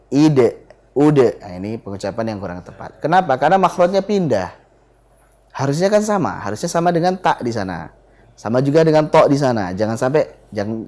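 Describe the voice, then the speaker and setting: A man teaching Quran recitation on a live TV lesson, sounding out letters in slow, drawn-out syllables and leading repeat-after-me drills. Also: mid-range voice, a little mellow. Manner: leads call-and-response drills with a student. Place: television studio.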